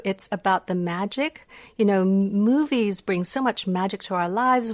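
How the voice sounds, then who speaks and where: A middle-aged woman from Indonesia and Hong Kong, whose native languages are Indonesian and Dutch, speaks English as a gracious, reflective guest on a conversational podcast. She's a music psychology researcher joining by video call from home. Her voice is medium-pitched and the recording is dry.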